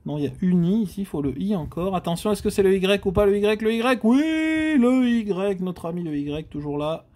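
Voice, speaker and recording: A man's voice: sits high, animated, normal speed, few pauses, warm tone. A man from France giving casual commentary while scratching lottery tickets, exclaiming and groaning at each letter. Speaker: scratch-card vlogger.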